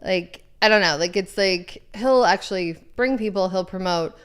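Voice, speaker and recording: A woman's voice: medium pitch, normal speed, a bit bright, clean tone. A woman comedian from Arizona, hosting a casual podcast chat, joking and teasing and laughing often.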